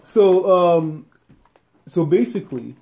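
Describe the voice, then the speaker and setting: A young adult man co-hosting a podcast, chatting casually in a relaxed way with filler words. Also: a little high, slow pace, gravelly. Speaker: podcast co-host. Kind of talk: casual chat.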